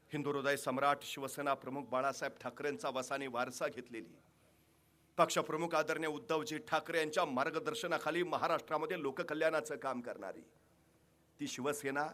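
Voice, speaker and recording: A man's voice: a little high, fairly bright tone. A male public orator from Maharashtra gives a dramatic, impassioned storytelling speech. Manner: impassioned, declamatory.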